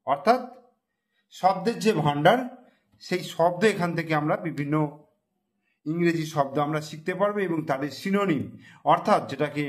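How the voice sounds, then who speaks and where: A man tutoring young students, spelling words letter by letter and repeating them slowly. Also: fairly high pitch. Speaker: math and English tutor.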